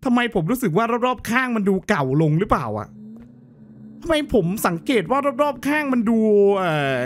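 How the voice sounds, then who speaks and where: A man's voice: very high voice, sing-song, normal speed, slight background noise. A man streaming a horror game, reacting jumpily, swearing and reading out the game's lines. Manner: jumpy, swears, reads game lines aloud. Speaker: gaming streamer. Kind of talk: horror game let's play commentary.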